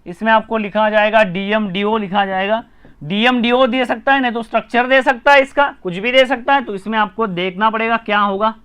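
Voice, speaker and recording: A man with an Indian accent teaching a live online chemistry class, brisk and repetitive, often urging viewers to comment, like and share. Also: very high-pitched, a bit bright, smooth.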